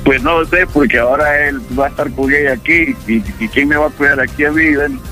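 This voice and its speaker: A man's voice: fairly high pitch, steady tone, a little fast, bright, forceful tone. A desperate, lovesick young son, as a man plays him pleads and stammers over the phone in a raised voice. Music plays faintly behind him. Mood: pleading.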